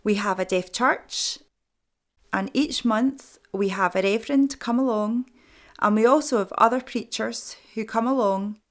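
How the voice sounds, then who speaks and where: Woman doing a translation voice-over. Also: mid-range voice. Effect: translation voice-over for deaf signers. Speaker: sign language interpreter. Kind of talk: first-person interpreted speech.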